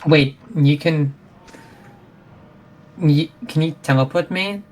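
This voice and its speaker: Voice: medium pitch, takes it slowly. A player in a tabletop role-playing game, chatting casually and speaking for their character.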